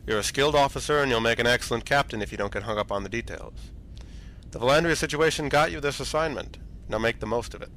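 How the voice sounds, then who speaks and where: Steady ambient noise sits behind a man with a mid-range voice who speaks fast as a commanding senior admiral of a space fleet. Delivering a briefing in this sci-fi audio drama, he sounds formal, measured, and authoritative, brisk and matter-of-fact throughout.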